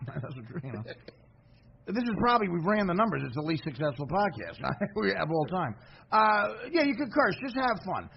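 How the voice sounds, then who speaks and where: A man's voice: high-pitched, very animated, moderate pace, gravelly, lo-fi sound, a little hiss or hum. A man hosting a podcast, teasing his guest in casual chat and laughing often. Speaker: podcast host.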